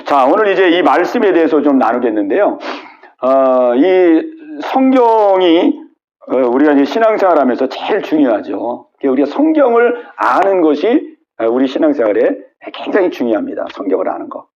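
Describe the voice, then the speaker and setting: Brief: male pastor, middle-aged, lively rising-and-falling high voice, dull lo-fi church recording. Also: moderate pace. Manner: repetitive call-and-response with frequent "예?". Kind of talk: sermon. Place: church sanctuary.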